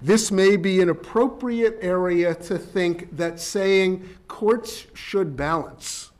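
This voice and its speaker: A man giving an academic law lecture in a measured, deliberate way, with frequent ums and uhs. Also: high voice, darkish tone. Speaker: law professor. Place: lecture hall.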